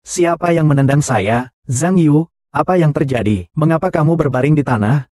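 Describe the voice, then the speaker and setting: A man dubbing every role in one even voice. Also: on the high side, normal speed, no room sound, studio quality, close to an everyday voice. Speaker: dub voice for all roles. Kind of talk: dubbed short drama dialogue.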